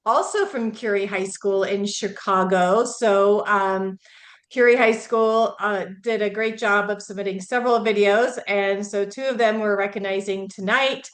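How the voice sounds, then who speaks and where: A woman hosting an online award ceremony, moderating in a relaxed way with frequent fillers. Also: mid-range voice, measured pace. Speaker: ceremony host.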